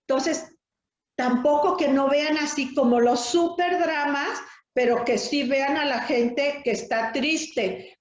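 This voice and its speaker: High-voiced Mexican woman in an echoey room. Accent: Mexican Spanish. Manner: earnest, explaining, ends points with tag questions. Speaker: thanatologist. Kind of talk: interview answers. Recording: roomy, dull lo-fi sound.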